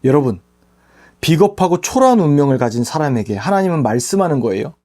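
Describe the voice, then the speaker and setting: A man's voice: a little high, very animated, fast talker, mellow. A man, a youth pastor, preaching a sermon for an online youth service and telling the story earnestly and plainly for teens.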